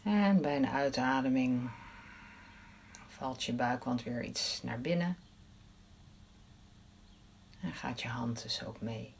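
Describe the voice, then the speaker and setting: A woman leading a guided breathing meditation in a soft, soothing voice, counting the breaths aloud. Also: very deep voice, slow pace, creaky, long pauses, a little hiss or hum.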